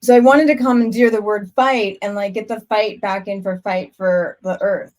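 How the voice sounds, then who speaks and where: A woman chats casually as a podcast host, thinking aloud in long earnest runs and circling back on her words. Her voice sits at an ordinary middle pitch for a woman. She keeps restarting sentences as ideas come to her. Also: fairly even intonation, moderate pace, darkish tone. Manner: rambling, restarts often, earnest. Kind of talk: casual chat.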